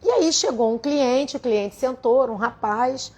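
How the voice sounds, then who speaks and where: Her voice is high and a little mellow, moving at a normal speed. This spiritual teacher, who has a Brazilian Portuguese accent, shares a story earnestly and talks straight to the people listening.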